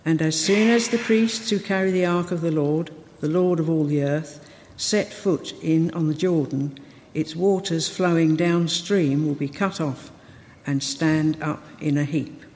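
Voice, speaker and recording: A woman's voice: deep voice, unhurried. Woman reading scripture in church echo. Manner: steady reading with small slips. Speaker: scripture reader. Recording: long church reverb.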